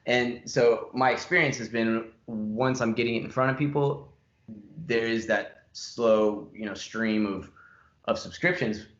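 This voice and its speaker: A man's voice: mid-range voice, a little slow, a bit bright. Curious male podcast host, roomy sound. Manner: curious, asks questions, agreeable. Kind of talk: casual interview chat. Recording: roomy, dull lo-fi audio.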